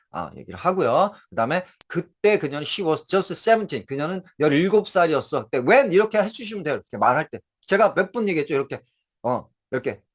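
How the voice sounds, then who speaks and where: A man teaching English phrases in a casual spoken lecture, often checking that listeners follow, with a Korean accent. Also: high-pitched. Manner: animated, repeats checks with listeners.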